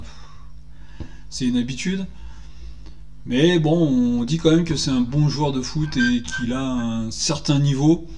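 A man in his forties giving an indignant, animated solo opinion talk, firing rhetorical questions, recorded on a desk microphone in a small room. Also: mid-range voice. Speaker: football commentator vlogger. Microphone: desk microphone on stand.

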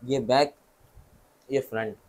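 A man with a Pakistani Urdu accent, pitching phones from his mobile shop, listing specs and prices and checking "okay?" as he goes. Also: fairly even intonation. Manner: brisk, lists specs, repeats "okay?" to check understanding. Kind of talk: sales pitch to camera.

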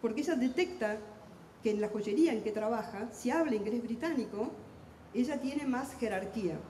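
A middle-aged woman with an Argentine accent, a literary translator talking quickly and intensely on a book fair panel, with self-deprecating humor. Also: on the high side, expressive, mellow, a little hiss or hum. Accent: Argentine Spanish. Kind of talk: lively public talk at a book fair. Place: large hall at a book fair. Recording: echoey hall with long reverb.

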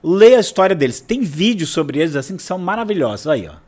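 A Brazilian man with a Brazilian Portuguese accent, teaching church history in a casual, animated way, acting out quotes and restarting often. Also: fairly high pitch, fast.

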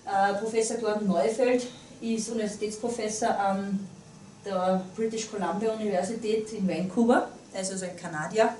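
Her voice is medium-pitched and mellow, moving at a moderate pace with fairly even intonation. She is a guest speaker in her thirties with an Upper Austrian accent, giving an earnest public talk to a small group in a small meeting room, with many restarts and fillers. A far camera records it, leaving the audio roomy and distant with a little hiss or hum.

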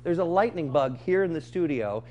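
A man's voice: on the high side, animated, moderate pace, muffled recording. A man presenting live TV weather in a studio, with casual asides.

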